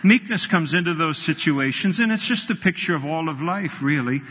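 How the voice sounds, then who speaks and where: A man's voice: a little high, expressive, normal speed, a bit bright, slightly rough. A man pastor preaching a sermon in a conversational way, with quoted asides to the congregation. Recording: reverberant hall.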